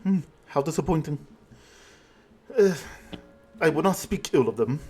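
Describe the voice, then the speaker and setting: A man's voice: fairly high pitch, animated, a little slow, darkish tone, slightly rough, pitched above the performer's own voice. A man voicing a chatty, friendly male ally in a tabletop game, fussing with concerned questions.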